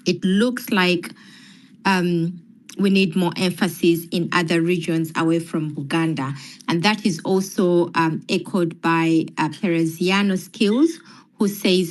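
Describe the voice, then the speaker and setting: A woman reading audience questions aloud from a chat, slow and deliberate with many ums. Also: lowish voice.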